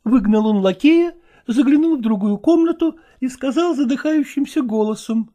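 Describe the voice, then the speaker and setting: A woman reading a storybook aloud in an expressive, animated way. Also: high voice, normal speed. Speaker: narrator.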